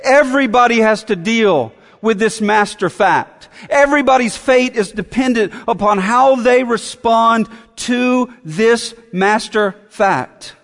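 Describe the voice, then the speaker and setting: A man preaching a sermon, slow and emphatic, repeating phrases for weight. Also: extremely high pitch, a bit bright, in a large hall.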